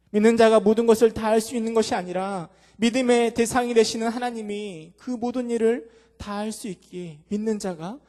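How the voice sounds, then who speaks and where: A male pastor preaching a sermon at a Friday prayer service. He swells suddenly louder for emphasis and slips into quick acted quotes. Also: high voice, creaky, long reverb tail. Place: church sanctuary.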